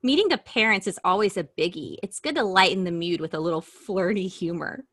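A woman with a bright, forceful voice co-hosts a casual podcast. She reads out list items and reacts bluntly, swearing freely and laughing. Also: fairly low pitch, animated, a little fast, no room sound, studio quality. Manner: blunt and profane, laughs often. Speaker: podcast co-host. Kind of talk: casual chat, reading out a list.

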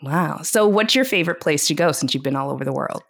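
A woman's voice: deep voice, animated, fast talker, breathy edge. A woman co-hosting a casual podcast, upbeat and asking her partner questions. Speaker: co-host.

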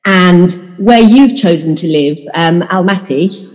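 A woman's voice: on the low side, slow pace, darkish tone, big-room sound. A woman hosting a podcast interview, talking in an enthusiastic, chatty way. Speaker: podcast host.

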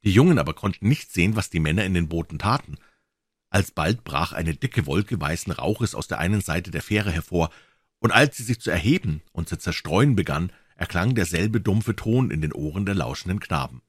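A man narrates a classic adventure novel in a very low, husky voice. The recording is dry and close, and his reading moves in a measured, lilting way. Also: expressive, dry recording.

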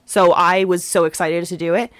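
This is a young woman co-hosting a casual podcast, sincere and a little rambling, with frequent false starts. Her voice sits a bit low, and the sound is dry and close with no room echo. She pushes higher and louder when she stresses a point. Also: steady tone, normal speed. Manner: earnest, rambling with frequent restarts. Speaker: podcast co-host.

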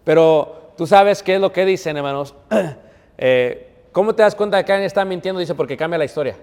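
A man's voice: high voice, fairly quick, a little mellow, in a large hall. A man preaching a sermon, earnest and emphatic, calling his listeners brothers. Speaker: pastor.

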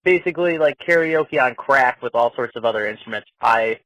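A man's voice: mid-range voice, brisk, a bit bright, no room sound, rough recording. Laid-back guy calling in on a voicemail, says like a lot, dry sound. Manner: laid-back and slangy, full of "like". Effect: phone voicemail played back on air. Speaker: caller leaving a voicemail. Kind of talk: casual call-in message.

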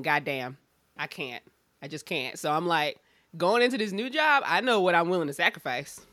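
A woman's voice: deep voice, sharp tone, no room sound. A woman with a Southern US accent and drawl, talking bluntly and emphatically and swearing freely in a candid podcast chat. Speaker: schoolteacher.

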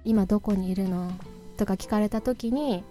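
A woman giving a casual spoken lesson, explaining slowly and repeating English phrases with careful pronunciation. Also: medium pitch, mellow. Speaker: English teacher. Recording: faint music behind.

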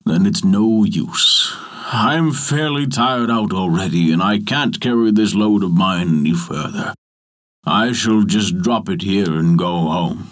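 A man doing a slow, groaning, weary giant. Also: deep voice. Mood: weary, defeated. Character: weary, grudging old male giant.

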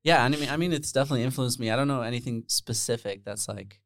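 A man from the Netherlands, a musician, chatting casually as a podcast guest in a relaxed, rambling way with many fillers, on a close mic. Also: medium pitch, racing, gravelly, dry recording. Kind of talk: casual interview chat.

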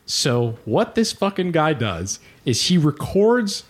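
A man hosting a casual podcast, retelling a crime story in a lively, swearing way. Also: fairly high pitch, slow. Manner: animated storytelling with swearing and laughs. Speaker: podcast host. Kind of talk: casual true-crime chat.

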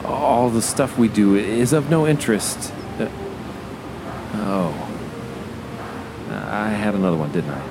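An actor playing an awkward, reassuring brother in an audio drama, earnest and a little halting. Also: male voice, lowish voice, noisy background. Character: low-voiced, awkward, reassuring man, the woman's brother.

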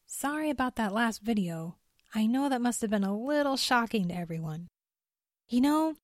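A young male vlogger, played by a woman narrator addresses his channel in a soft, lowered, hesitant voice. He sounds mild and apologetic rather than loud. He is a figure in a read-aloud story. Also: dry recording, clean studio sound, close to an everyday voice.

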